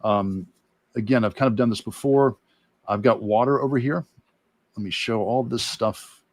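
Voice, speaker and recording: A man demonstrates his work as an illustrator in a casual instructional way, thinking aloud through loose, broken asides. His mid-range voice moves at normal speed, and there is no room sound.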